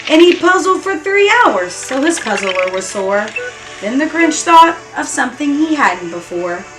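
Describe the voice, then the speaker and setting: Unhurried, with a voice that sits high and swings widely in pitch, a woman reads a rhyming story for children in a singsong, dramatically emphasized style. Behind her are music and a roomy echo.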